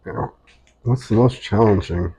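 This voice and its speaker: A man chatting casually with his wife over a meal at home, relaxed and teasing, speaking slowly between bites. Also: lowish voice, husky. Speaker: husband and vlog co-host. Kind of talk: casual mukbang chat while eating.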